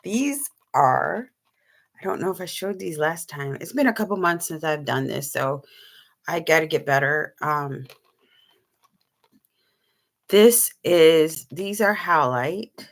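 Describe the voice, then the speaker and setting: Gravelly low-voiced woman chatting on a live stream. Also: unhurried, pauses often. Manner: rambling, many ums, shows items to camera. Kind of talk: casual live-stream chat.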